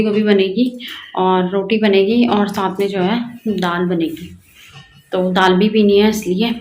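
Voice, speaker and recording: Speaking from her home kitchen, a young Garhwali vlogger from Uttarakhand's northern hills gives loose, chatty narration packed with fillers. Her medium-pitched voice is a touch mellow, with slight background hiss or hum.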